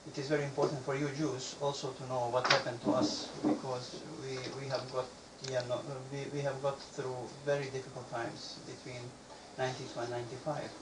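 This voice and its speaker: A Bosnian man with a medium-pitched, level voice asks a speaker questions fairly quickly, hardly pausing, yet hesitantly, restarting and repeating words. It's a halting audience question recorded from far away in an echoey room with clear background noise.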